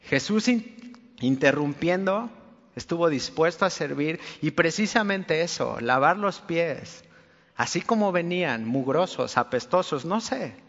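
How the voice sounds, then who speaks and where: Male pastor, high voice, casual and earnest, long reverb on a dull lo-fi recording. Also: expressive, measured pace, a bit bright. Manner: colloquial, earnest, addresses listener directly. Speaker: preacher. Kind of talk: conversational sermon.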